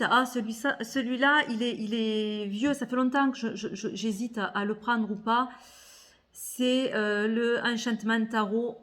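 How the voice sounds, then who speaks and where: A woman with a slightly high, fairly bright voice chats casually about tarot decks in a haul video. She's a tarot and oracle card vlogger who thinks aloud, often repeating words when she hesitates.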